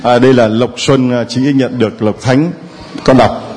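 Male priest, mid pitch, guiding and announcing in a reverberant church. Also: steady tone, moderate pace, a little hiss or hum. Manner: gentle, guiding, announcing to the congregation. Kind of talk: leading a Sunday service. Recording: long church reverb, faint ambience.

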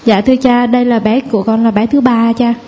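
A woman's voice: fairly high pitch, steady tone, brisk, dark tone. A woman in her thirties, a mother from the audience, nervously sharing a personal testimony and quoting her family in a chatty way. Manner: chatty storytelling, acts out family quotes. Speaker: audience member giving testimony.

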